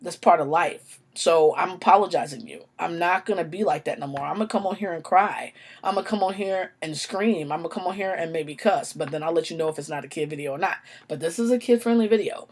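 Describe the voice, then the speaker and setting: A woman's voice: fairly low pitch, fast talker, a little mellow. A woman vlogging to her viewers in a casual, impassioned, rambling way, unwell and stuttering at times, with restarts and apologies. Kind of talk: casual direct-to-camera vlog.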